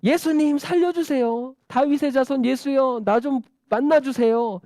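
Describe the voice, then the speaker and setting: A man voicing a desperate blind male beggar in a Bible story, crying out with pleading, straining shouts. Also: extremely high pitch, a little slow, no echo, voice pushed up. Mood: desperate shouting.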